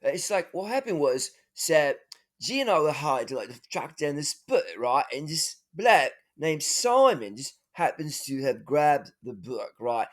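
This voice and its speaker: A man's voice: on the high side, very animated, measured pace. A man playing a father who rambles through a wild adventure story, full of fillers and tag questions.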